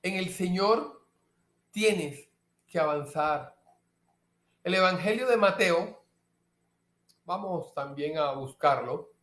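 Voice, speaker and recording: A man preaching a sermon slowly and emphatically, repeating key phrases. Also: sits high, a bit bright, echoey room.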